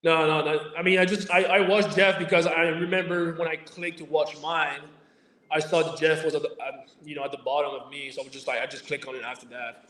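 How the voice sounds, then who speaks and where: A man being interviewed as an athlete guest, talking haltingly with many fillers, restarts and uneven grammar. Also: fairly high pitch, flat delivery, fairly bright tone. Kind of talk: remote interview chat. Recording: echoey room, far from mic.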